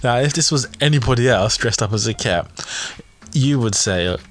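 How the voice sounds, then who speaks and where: A man's voice: medium pitch, animated, moderate pace. A man hosting a podcast, chatting in a cheeky, gossipy way and laughing at his own jokes. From England. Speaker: podcast host. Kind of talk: casual comedic commentary.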